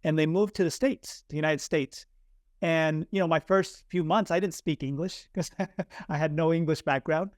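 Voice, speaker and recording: Speaking at a normal pace in a slightly high voice, this communication coach in his forties tells a personal story on a podcast, lively and voicing each person he quotes. Born in Chile, he grew up with Spanish as his first language. The sound is clean studio audio without echo.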